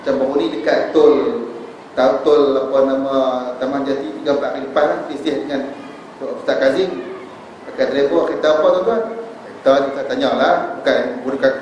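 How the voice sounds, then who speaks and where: A man's voice: mid-range voice, steady tone, a little fast, a little mellow, lo-fi sound, a little hiss or hum. A man preaching a sermon with a Malaysian Malay accent, telling stories and addressing his listeners directly. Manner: storytelling, addresses audience as tuan-tuan. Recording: echoey hall, voice from far off.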